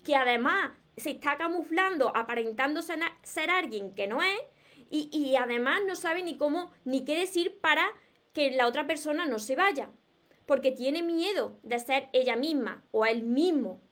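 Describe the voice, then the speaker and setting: High-voiced Andalusian woman giving advice. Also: expressive, normal speed, fairly bright tone. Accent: Andalusian Spanish. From Córdoba, southern Spain. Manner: earnest, repetitive, emphatic advice. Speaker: dating and self-esteem coach. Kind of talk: live-streamed motivational talk.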